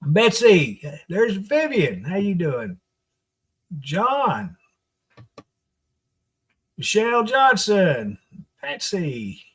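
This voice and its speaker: A man with a Southern US accent hosts a casual live stream. His voice sits a little high for a man and moves in a slow, unhurried drawl. He chats with viewers in a folksy, teasing way. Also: huge pitch swings, a bit bright, slightly rough. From Arkansas, United States.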